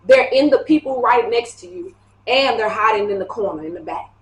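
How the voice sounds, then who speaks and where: A woman giving a casual tarot reading to camera, chatty and animated, laughing often as she talks. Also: mid-range voice, fairly quick. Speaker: tarot reader. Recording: echoey room.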